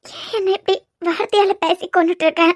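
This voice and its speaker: A hurt high-voiced young woman. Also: steady tone, fast talker, no echo, clean studio sound. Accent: Kanyakumari Tamil. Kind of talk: cartoon serial voice acting.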